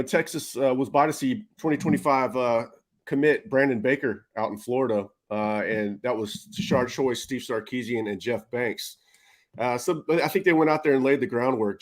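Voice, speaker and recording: A man giving casual football analysis, talking quickly with frequent fillers. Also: mid-range voice. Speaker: recruiting analyst.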